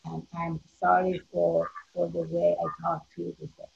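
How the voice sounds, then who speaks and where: A soft-spoken woman in a mediation, talking earnestly and hesitantly, on a dull lo-fi recording. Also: lowish voice, monotone, moderate pace, creaky, husky. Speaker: participant in mediation. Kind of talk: mediation dialogue.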